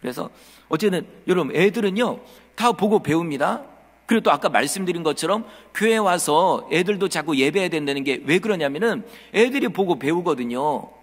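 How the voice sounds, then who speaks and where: A man's voice: on the high side, brisk. A man, a pastor, preaching a sermon to his congregation in a church, telling the story with animation and addressing the listeners directly. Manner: animated storytelling, acting out quotes. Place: church sanctuary. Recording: long church hall reverb.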